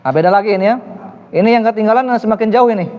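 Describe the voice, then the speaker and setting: Upbeat guy teaching arabic, high voice, lots of praise, muffled roomy recording. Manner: encouraging, frequent praise. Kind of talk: classroom teaching. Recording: lo-fi, reverberant room.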